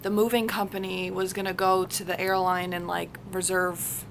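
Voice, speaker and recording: A young adult woman vlogger with a hoarse smoker's rasp, as if her voice is giving out, chatting casually and rambling to the camera. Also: lowish voice, level tone, moderate pace, noisy background. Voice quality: raspy smoker's rasp, voice wearing out. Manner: rambling, acts out reported exchanges. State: hoarse, close to losing voice.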